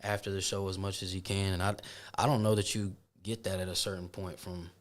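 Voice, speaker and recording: A man from Florida with a lowish voice speaks as a podcast guest. He talks in a relaxed, casual way, restarting phrases and calling people "man". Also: a little fast. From Florida, USA. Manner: easygoing, repeats words while thinking, says "man" often. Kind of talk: casual interview chat.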